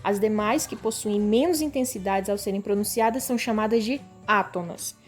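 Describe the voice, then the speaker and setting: A Brazilian woman teaching a primary class in a recorded lesson, with a mid-range voice. She speaks patiently to the pupils, slowing right down to sound out example words. Faint music sits underneath. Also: medium pitch. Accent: Brazilian Portuguese. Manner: slow, stretched-out word readings for pupils; addresses class as "pessoal". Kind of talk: online school lesson.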